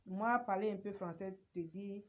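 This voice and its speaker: A woman from Mexico with a Spanish accent, speaking in halting, repetitive broken French mixed with Spanish. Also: medium pitch. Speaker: visitor. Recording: dull lo-fi with faint noise.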